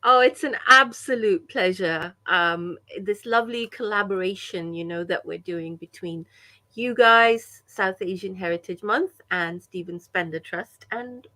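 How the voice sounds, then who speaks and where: This workshop leader, a woman from Pakistan, teaches a language class online via video call in a mid-range voice with a sharp tone and a measured pace. Chatty and full of enthusiasm, she keeps asking the group "yeah?" to make sure they're following.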